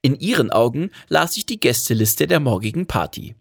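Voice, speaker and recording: A man's voice: medium pitch, very animated, moderate pace, creaky, no room sound, studio quality. A man narrating a first-person audiobook story with a wry, self-mocking manner.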